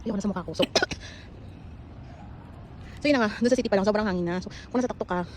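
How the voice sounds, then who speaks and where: A woman vlogging on a climb up long outdoor stairs, chatty and animated, out of breath, mixing in English and laughing often. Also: mid-range voice, a little fast. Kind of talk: casual travel vlog chat. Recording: outdoor phone audio with clear background noise.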